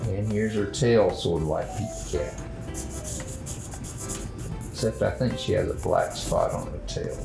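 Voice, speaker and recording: With a lowish, creaky voice, a man leads a casual children's drawing lesson, thinking aloud in a gentle, unhurried, halting manner. The sound is roomy, with music underneath.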